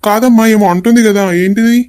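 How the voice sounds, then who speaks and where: A woman voicing a mild, gentle older father-in-law in a cartoon. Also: medium pitch, fairly even intonation, fast, close to an everyday voice. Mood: puzzled.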